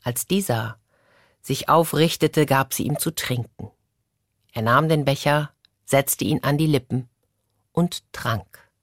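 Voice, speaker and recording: A woman telling a fairy tale for children in an expressive, dramatic storytelling manner. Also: a bass voice, slow, long pauses, dry recording, studio quality.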